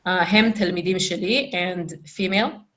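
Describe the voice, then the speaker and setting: A woman teaching a Hebrew lesson over a video call, patient and encouraging, repeating phrases slowly for her students. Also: fairly low pitch, a bit bright, highs cut off. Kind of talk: online language lesson.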